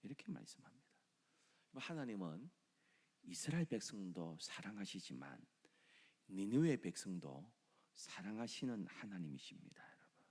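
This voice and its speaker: A middle-aged man with a Gyeongsang Korean accent preaching a sermon as pastor, with animated delivery and dramatic quoted voices. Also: fairly low pitch, moderate pace, pauses often, breathy edge, long reverb tail. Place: church sanctuary.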